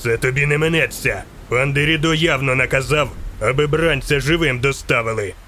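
A man's voice: mid-range voice, moderate pace, bright, forceful tone, a little hiss or hum, natural voice. A man voicing a menacing armored horseman who speaks in a curt, commanding way. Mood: furious.

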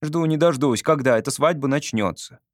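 A man voicing an eager, boastful little boy who chatters excitedly in a high childish voice. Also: moderate pace, dry recording, studio quality, close to an everyday voice.

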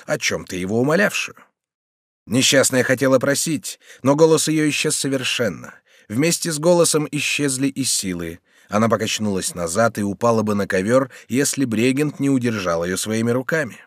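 A man narrating a classic historical novel as an audiobook in a steady, measured way, recorded in a studio. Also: medium pitch, no room sound.

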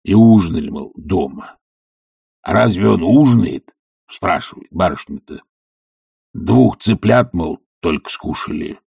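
A man's voice: low-pitched, animated, a little slow, creaky, a little mellow, husky, no echo, clean studio sound, full character voice. A man voicing an old, stubborn male servant who mutters sullenly, in an audiobook. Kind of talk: audiobook character reading.

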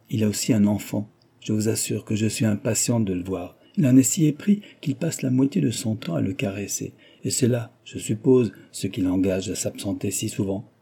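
A man reading an audiobook voices a giddy, mocking young noblewoman who gossips in a lively, teasing way. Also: lowish voice, slightly rough. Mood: gleeful gossip. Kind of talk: audiobook reading of a classic novel.

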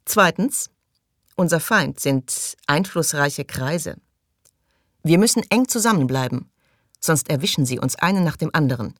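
A woman's voice: deep voice, animated, a little slow, no echo, studio quality. A woman reading an audiobook and voicing a suspicious, agitated man who accuses and raises his voice. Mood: bitter.

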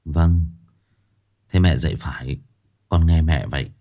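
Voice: rumbling low, measured pace, dark tone, pitched below the performer's own voice. Storyteller doing a meek, stammering young husband. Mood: pleading. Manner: hesitant, placating, stammering. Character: meek young husband caught between mother and wife.

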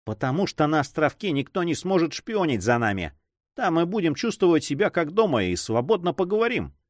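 A man's voice: fairly high pitch, sing-song, a little fast, no echo, pitched above the performer's own voice. A man voicing a bold, brash young male adventurer in a read-aloud story, dry close sound. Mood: confident. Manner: brash, self-assured.

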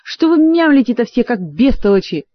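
A woman's voice: a little high, sing-song, fairly quick, dry recording, dull audio. A woman reading aloud and voicing a frightened, bewildered young woman who exclaims shrilly. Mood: alarmed.

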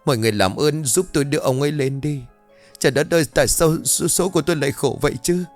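A man's voice: medium pitch, animated, fast, faint music behind, pitched above the performer's own voice, lightly acted. A man voicing a distraught village wife who laments her fate in a spoken ghost story.

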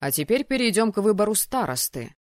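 A woman's voice: mid-range voice, big pitch swings, brisk, darkish tone, dry recording, clean studio sound, natural voice. A woman reading an audiobook who voices a stern, cold male dean of a magic academy, speaking in a clipped, commanding, formal way. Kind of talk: audiobook character voice.

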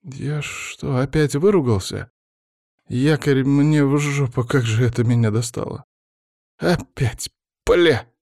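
A man's voice: medium pitch, expressive, measured pace, vocal fry, a little mellow, no echo, studio quality, voice pushed up. A man voicing a flustered, cursed male collector who mutters and keeps swearing despite himself. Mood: exasperated. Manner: mutters, keeps swearing against his will.

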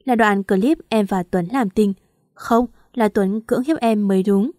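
In a studio-clean recording with no room sound, a female audiobook narrator reads a first-person romance story aloud. Her mid-range voice has a darkish tone and a measured pace. She performs the dialogue with real emotion, acting out the quarrels and the crying.

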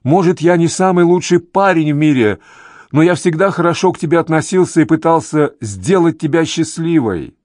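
A man voicing a desperate husband pleading loudly with his wife in an audiobook. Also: on the high side, animated, moderate pace, no echo, studio quality, pitched above the performer's own voice, lightly acted. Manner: pleading, shouting.

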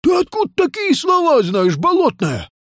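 A woman's voice: low-pitched, very animated, moderate pace, darkish tone, no room sound, clean studio sound. A woman doing a flustered bearded teacher. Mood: puzzled.

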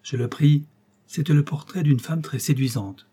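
A man reading an audiobook aloud in steady, even scripted narration. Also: fairly high pitch, normal speed, breathy edge. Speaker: audiobook reader.

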